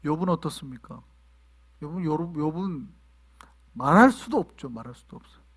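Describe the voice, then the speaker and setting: Man, pastor, sermon, high voice, very lively pitch, rhetorical questions. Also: moderate pace, breathy edge. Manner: animated preaching, questions to the congregation, sudden shouts. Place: church in New York.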